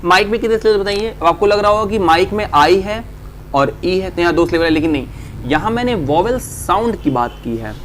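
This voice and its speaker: A man teaching an exam-prep grammar lesson. He reads English examples slowly, explains them in fast Hindi, and asks his students questions that he then answers himself. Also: high-pitched, animated, a little hiss or hum.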